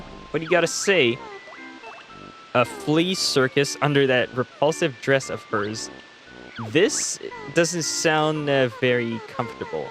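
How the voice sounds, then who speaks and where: A man hosting a gaming video, chatting casually and rambling uncertainly with lots of fillers. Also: medium pitch. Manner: rambling, unsure, many fillers. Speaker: gaming channel host. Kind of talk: casual gameplay commentary.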